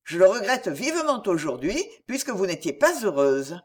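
Woman reading as a dry sarcastic middle-aged gentleman, husky voice, lively pitch. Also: normal speed. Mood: earnest. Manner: dry, sardonic, matter-of-fact. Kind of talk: audiobook character dialogue.

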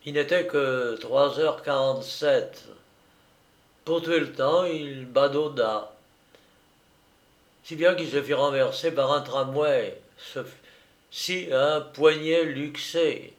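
A man's voice: fairly high pitch, takes it slowly. A man narrating a comic story with theatrical delivery, voicing characters with sudden outbursts. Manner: theatrical, voices characters with shouts and sudden bursts.

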